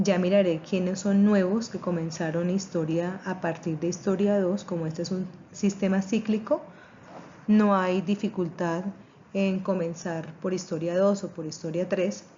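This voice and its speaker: A woman's voice: lowish voice, fairly even intonation, measured pace, dark tone, muffled recording, slight background noise. A woman teaching a seminary class on church history, speaking earnestly with a preaching tone. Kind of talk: recorded class introduction.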